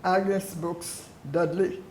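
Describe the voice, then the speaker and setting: Older male, fairly high voice, very slow reflective delivery, emphatic phrasing, strong room echo. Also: little pitch movement, a little mellow. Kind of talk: reflective personal reminiscence. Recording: echoey room, faint background noise.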